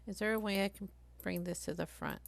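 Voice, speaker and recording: A woman live-streaming a craft software tutorial, chatty and thinking aloud as she works. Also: medium pitch, a little fast, gravelly, no room sound.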